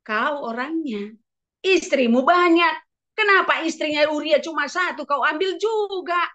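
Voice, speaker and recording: A stern prophet, male and unbending, hammering home an accusation with heavy emphasis, voiced by a woman preacher. The pitch is high, and the recording sounds muffled and lo-fi. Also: expressive, measured pace, pushed and bright, exaggerated voice. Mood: accusing. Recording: dull lo-fi recording.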